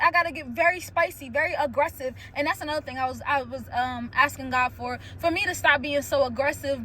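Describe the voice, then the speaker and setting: A young woman hosting a casual solo chat, telling stories candidly with lots of "like" and quick laughs. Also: sits high, slight background noise, poor audio. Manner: candid, animated storytelling with frequent "like" and laughs. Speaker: podcast host.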